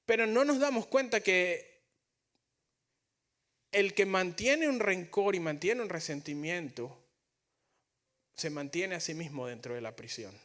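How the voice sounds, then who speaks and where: A man's voice: high voice, lively intonation, unhurried, pauses often, fairly bright tone. Earnest man preaching a sermon. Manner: earnest, repeats words and restarts while building points. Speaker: pastor.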